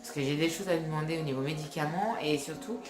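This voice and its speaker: A young French woman with a stuffy head cold chats casually to her phone camera for a vlog, rambling with many fillers and restarts. Her voice is low and fast, the room sounds roomy, and music plays in the background.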